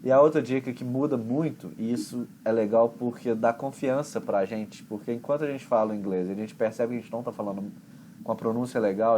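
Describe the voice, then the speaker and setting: A man with a Brazilian accent, an English teacher explaining pronunciation in a chatty, relaxed way with homely examples. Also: mid-range voice, slight background noise. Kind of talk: conversation class explanation.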